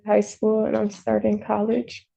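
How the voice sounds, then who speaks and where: Gravelly young woman on a courtroom recording. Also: medium pitch, completely flat delivery, a little slow, dark tone, muffled recording. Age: 20s. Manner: short, hesitant answers. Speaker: defendant.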